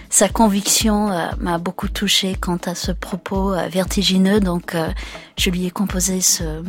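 Even-toned woman musician, fairly low. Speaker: interview guest, singer and composer. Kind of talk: anecdotal storytelling in a radio interview. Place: radio studio.

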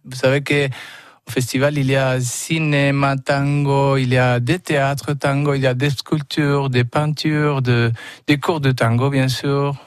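A man from Argentina speaking halting, non-native French with an Argentine Spanish accent, searching for words as he answers in a radio interview. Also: medium pitch, little pitch movement, clean tone, dry recording, clean studio sound. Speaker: festival artistic director, tango teacher and dancer.

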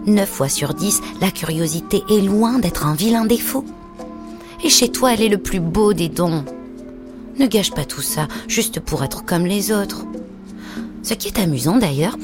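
A woman voicing a gentle, mysterious young mother who speaks tenderly and in hushed tones, with music underneath. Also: lowish voice.

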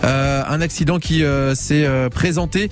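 Male live radio presenter, raised pitch, improvised conversational delivery over soft music. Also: fairly even intonation, unhurried. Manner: conversational, improvised, hesitant phrasing. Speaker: radio host.

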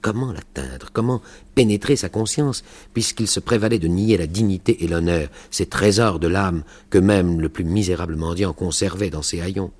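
A man reads a novel aloud for radio, measured and grave in tone. His voice sits very low and is husky. The reading moves steadily through the story. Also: darkish tone. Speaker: reader.

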